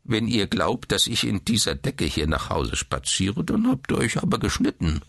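A man's voice: lowish voice, wildly swooping pitch, normal speed, gravelly, fairly bright tone, dry recording, clean studio sound, voice pushed up, exaggerated voice. A man voicing a peevish newborn who is seventy years old, with a cracked, quavering voice and a whining manner. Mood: whiny.

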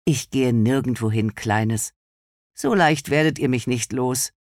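A man's voice: mid-range voice, unhurried, dry recording, clean studio sound, close to an everyday voice. A stern mother, read by a male narrator. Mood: reassuring. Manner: firm, insistent. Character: stern worried mother, older woman.

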